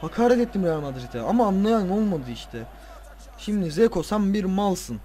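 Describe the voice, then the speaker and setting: A tired man playing a football video game, casually commenting, swearing and ranting at the players with excitable outbursts. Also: high voice, moderate pace. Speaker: gaming video creator.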